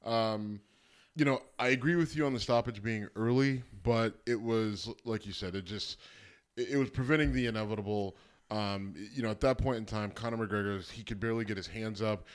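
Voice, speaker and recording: A man with a lowish voice co-hosts an easygoing conversation. He fills his speech with "you know" and "I mean" as he works through his point. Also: brisk, clear, resonant tone. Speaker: podcast co-host. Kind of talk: casual chat.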